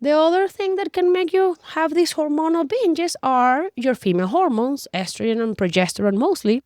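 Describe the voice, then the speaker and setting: A woman's voice: high voice, normal speed, darkish tone, no echo, studio quality. A middle-aged woman, a native Spanish speaker with a Spanish accent, explains things as a nutrition coach in emphatic, conversational, Spanglish-tinged English. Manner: non-native English with Spanglish word slips; emphatic, conversational, addresses listener directly. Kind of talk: explanatory talk to camera.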